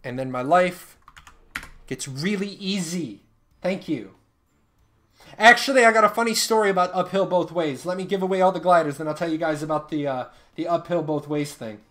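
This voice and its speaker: With a slightly high, somewhat bright voice and a moderate pace, a man in his 30s chats with viewers during a live stream. He cracks jokes and trades banter with chat as he hands out giveaways.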